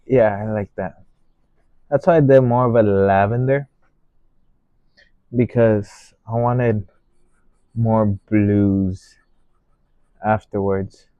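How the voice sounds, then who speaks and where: Male painting teacher, gentle and slow-paced, thinking out loud in short phrases; dry, slightly muffled recording. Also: fairly low pitch, fairly even intonation, no room sound. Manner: gentle, unhurried painting instructor, musing aloud in short phrases. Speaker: painting instructor. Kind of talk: unscripted painting tutorial narration.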